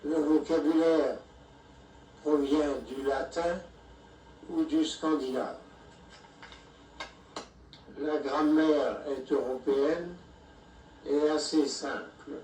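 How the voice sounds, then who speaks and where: A man narrating a language lesson in a measured, deliberate way, even reading the punctuation out loud. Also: on the high side. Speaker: language lecturer. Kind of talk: slow scripted narration. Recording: echoey room, distant mic, faint background noise.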